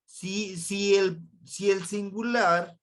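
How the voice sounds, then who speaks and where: A man from Mexico teaching a Nahuatl grammar lesson online, slow and patient, repeating words for his students. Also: high-pitched, fairly even intonation.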